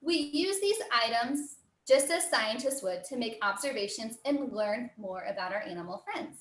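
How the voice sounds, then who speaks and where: An American woman who works as a zoo educator teaches children in a live online lesson over a video call from an indoor room. Her high-pitched voice is expressive and moderately paced, with a cheery, encouraging zookeeper manner. The sound is roomy and echoing.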